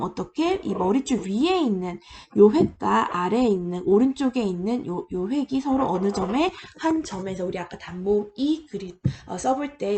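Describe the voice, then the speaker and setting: A woman's voice: mid-range voice, gravelly, darkish tone, slight background noise. A woman lecturer patiently explaining, step by step, how to draw letters in an online language lesson.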